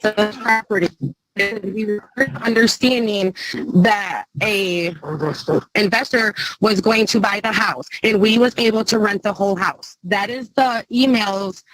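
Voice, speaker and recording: A woman in an eviction hearing, speaking slowly over a video call whose audio keeps glitching and breaking up. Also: medium pitch, fairly even intonation, no echo, faint music behind, poor audio. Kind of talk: speaking in a remote court hearing.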